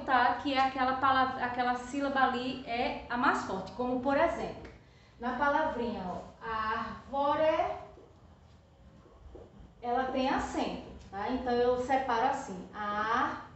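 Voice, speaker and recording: A woman primary school teacher with a Brazilian Portuguese accent giving a patient remote lesson to young children, checking in with "tá?" after nearly every phrase and stretching out example words slowly. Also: high voice, fairly bright tone, slight background noise. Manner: slow, drawn-out stressing of example words; refers to herself as "tia". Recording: echoey room, distant from the mic, slightly muffled.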